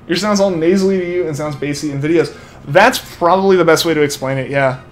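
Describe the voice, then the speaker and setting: Here a young adult man with a higher-leaning voice speaks at a quick pace, streaming a game and reading out viewer comments. His casual chat rambles, packed with "like" and restarts that trail away. There's soft music in the background, and he uses a headset mic feeding back to his headphones.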